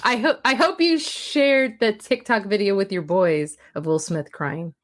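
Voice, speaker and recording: A woman co-hosting a podcast, chatting casually and making quick teasing jokes. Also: medium pitch. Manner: teasing, quick joking remarks. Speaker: podcast co-host. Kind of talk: casual chat.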